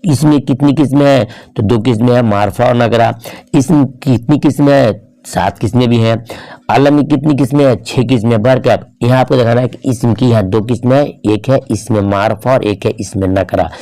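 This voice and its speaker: A man's voice: medium pitch, normal speed, dark tone. A middle-aged man teaching an exam-prep grammar lesson, asking questions and answering them himself and repeating key points.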